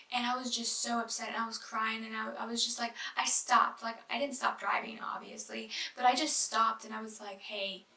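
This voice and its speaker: Young woman, devotional vlogger: earnest and rambling, higher voice with some fry, soft whispery asides. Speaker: Bible study vlogger. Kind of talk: casual devotional talk. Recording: echoey room, mic at a distance.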